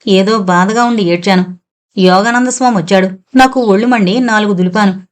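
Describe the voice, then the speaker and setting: A woman's voice: mid-range voice, moderate pace, close to an everyday voice. Proud defiant young heroine, fiery and blunt, read by a woman narrator. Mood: earnest. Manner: indignant, fiery.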